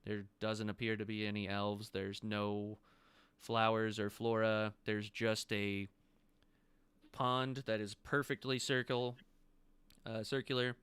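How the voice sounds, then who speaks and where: A man's voice: on the low side, flat delivery, takes it slowly, a bit bright, clear, resonant tone, dry recording. A man narrating a tabletop game as game master, describing scenes loosely with casual fillers.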